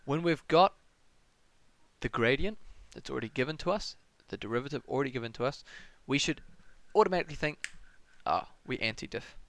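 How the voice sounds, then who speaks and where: On a live stream, a young New Zealand man works through a maths exam paper, relaxed and chatty, thinking each step aloud and answering chat questions as a tutor. His medium-pitched voice is gravelly-edged yet smooth and clear, and he talks a little fast. The recording is dry with no room echo.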